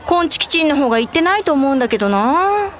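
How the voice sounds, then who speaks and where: A woman's voice: high voice, big pitch swings, quick pace, a little hiss or hum. An actress in her forties playing a dreamy woman with a Tokyo accent who muses aloud and wanders off topic in a comic radio drama. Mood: musing. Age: 40s. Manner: musing, easily sidetracked.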